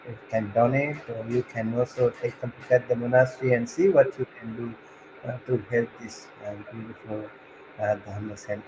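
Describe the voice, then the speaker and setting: Halting man hosting, over noisy hiss. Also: mid-range voice, fairly even intonation. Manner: halting, with very frequent hesitations. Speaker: host of an online Buddhist talk session. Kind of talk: unscripted, courteous closing remarks. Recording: hissy, clearly noisy background.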